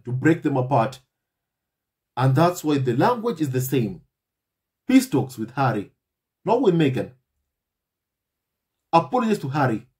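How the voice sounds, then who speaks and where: A man's voice: mid-range voice, darkish tone. A man hosting his own channel, giving impassioned commentary and addressing viewers as his family, with heavy repetition. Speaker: channel host.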